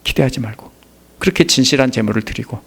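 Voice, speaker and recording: A middle-aged Korean man preaching a sermon, asking the congregation questions and answering them, his voice rising for emphasis and then dropping low and soft. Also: quick pace, slightly rough. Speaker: pastor.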